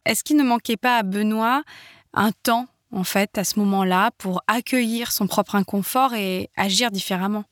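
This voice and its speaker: A woman interviewing two guests, asking calm, probing questions. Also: medium pitch, normal speed, dry recording, clean studio sound.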